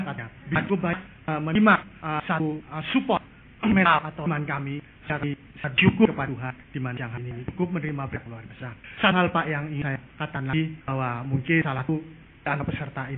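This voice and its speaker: A man's voice: on the high side, slight background noise. Male audience member from Madura, hesitant and rambling, tinny phone-like sound. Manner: hesitant, many fillers, rambling. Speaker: audience member asking a question.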